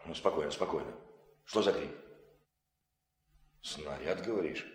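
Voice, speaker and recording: An actor playing a calm, gruff middle-aged camp PE instructor in a radio drama, commanding and drily joking. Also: male voice, rumbling low, a little slow. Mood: steady, commanding. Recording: long reverb on the voice.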